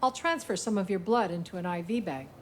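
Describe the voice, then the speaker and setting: A woman playing a calm, caring female medic in a mystery video game, composed and reassuring. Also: fairly low pitch, fairly quick, slight background noise, close to an everyday voice. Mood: businesslike.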